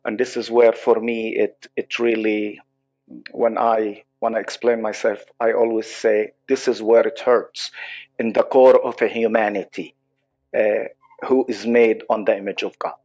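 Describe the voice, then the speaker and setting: A man's voice: lowish voice, level tone, darkish tone. Palestinian-accented guy on a podcast, earnest, stops and restarts a lot, muffled lo-fi audio. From Israel. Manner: earnest, halting, many restarts. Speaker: psychologist guest. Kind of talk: podcast interview.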